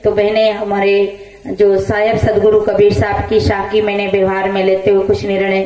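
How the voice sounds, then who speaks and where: A woman preacher giving a devotional sermon, telling a story with lively voices for the people in it and chanting verses. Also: mid-range voice, normal speed. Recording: echoey hall, mic far off.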